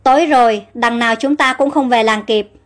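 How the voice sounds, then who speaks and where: A woman's voice: on the high side, normal speed, soft background music, close to an everyday voice. A woman reading the lines of a loyal male attendant who is caring and eager, in a storybook narration.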